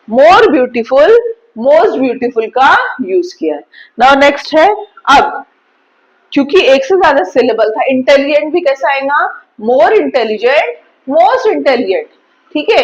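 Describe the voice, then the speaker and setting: High-voiced woman teaching grammar, slow. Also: dull audio. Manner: explains step by step, asks and answers her own questions. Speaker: English teacher. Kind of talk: classroom grammar lesson.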